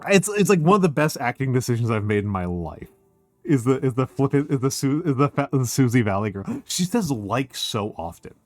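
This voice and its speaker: A man chatting casually as a streamer, excitable and rambling, leaning on filler words like "like". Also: mid-range voice, a little fast, no echo, soft background music. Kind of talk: casual chat.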